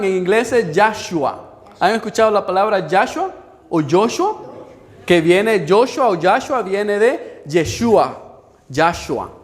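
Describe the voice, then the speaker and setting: A man with a high voice preaches a teaching sermon in a church hall, asking the congregation questions and having them repeat words after him. He slows down to read scripture aloud with emphasis, and his voice rings on in the hall's long reverb.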